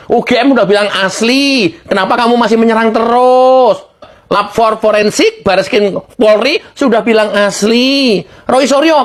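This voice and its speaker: A woman giving heated political commentary, firing rhetorical questions and laughing mockingly. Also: on the high side.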